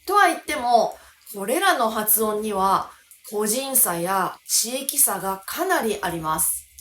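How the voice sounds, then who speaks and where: A Japanese woman teaching pronunciation in a clear, deliberate lesson style. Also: medium pitch, big pitch swings, a bit bright, echoey room. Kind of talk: scripted language lesson.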